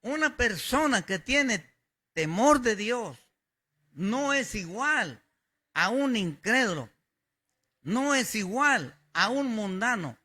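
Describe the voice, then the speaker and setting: A man's voice: sits high, very animated, slow, long pauses, bright, forceful tone. A male pastor preaching a sermon, emphatic and repeating his key phrases.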